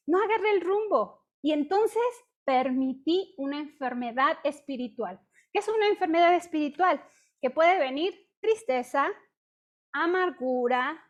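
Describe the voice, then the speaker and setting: High-voiced Mexican woman preaching casually. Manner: chatty, peppers talk with rhetorical questions; acts out her own past complaints in dialogue. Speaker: women's ministry speaker. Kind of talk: conversational testimony sermon. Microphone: video call.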